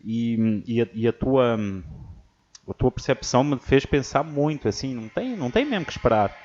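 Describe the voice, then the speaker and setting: A man's voice: mid-range voice, lively intonation, normal speed, darkish tone. A man hosting a podcast, chatting casually and telling stories with frequent restarts and repeated words. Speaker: podcast host. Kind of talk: casual chat. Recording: muffled lo-fi audio.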